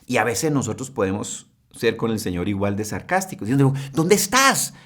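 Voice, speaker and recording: A man's voice: fairly low pitch, fairly quick. A male preacher delivering a sermon, emphatic, full of rhetorical questions and frequent checks with the listeners.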